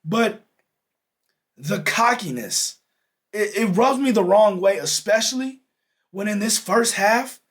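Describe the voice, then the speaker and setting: A young man hosting a podcast, ranting in a heated, exasperated way about a football game and straining a voice he says is going hoarse. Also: high voice, fairly bright tone. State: losing his voice. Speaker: podcast host. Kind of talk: animated sports reaction rant.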